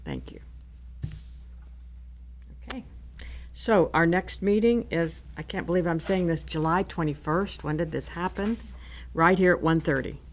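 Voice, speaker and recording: A woman with a Midwestern American accent chairs a county commission meeting. She reads out announcements briskly and repeats the key details. Her voice sits on the lower side. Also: sing-song, slight background noise.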